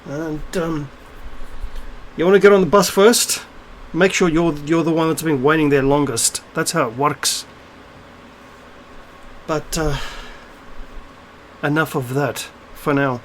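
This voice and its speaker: A man's voice: fairly high pitch, fairly even intonation, slow, pauses often, slight background noise, low-quality recording. Blunt, profane middle-aged man ranting. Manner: blunt, profane, rambling with many fillers and restarts. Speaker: video blogger. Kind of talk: unscripted ranting monologue.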